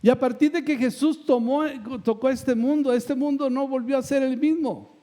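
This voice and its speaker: A man's voice: very high-pitched, fairly even intonation, moderate pace, dark tone. A male pastor preaching a sermon with emphatic, repeated phrases.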